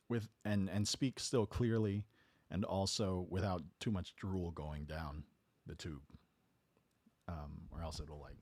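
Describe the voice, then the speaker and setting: A man casually teaching a talk box technique step by step, checking in with "right?" as he goes. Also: deep voice. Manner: relaxed, explains step by step with "right?". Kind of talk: casual studio tutorial. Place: home music studio.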